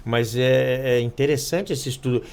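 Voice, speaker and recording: A man hosting a podcast, talking in halting bursts with restarted words and frequent tag questions. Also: mid-range voice, creaky, a little mellow, clean tone. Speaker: podcast host and physiologist. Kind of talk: casual podcast interview.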